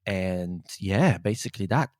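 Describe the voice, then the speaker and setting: A man's voice: sits low, lively intonation, measured pace, dry recording, clean studio sound. Hesitant man in his thirties. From Poland. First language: Polish. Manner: hesitant, repeats words while finding his thoughts. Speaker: guest, urban explorer and maths teacher. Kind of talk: casual interview chat.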